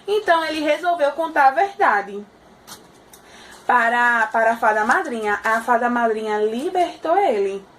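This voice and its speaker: A woman teacher telling a story to small children, animated and often checking in with her listeners. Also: a little high, moderate pace.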